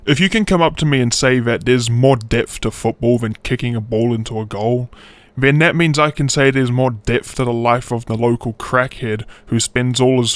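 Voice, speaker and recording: A man's voice: mid-range voice, no echo. A man ranting as a YouTuber in a crude comedic style, sarcastic and mock-earnest.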